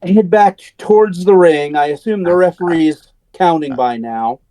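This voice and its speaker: A man's voice: high-pitched, normal speed, warm tone. A man playing a tabletop wrestling game, eagerly planning his character's moves aloud. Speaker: player.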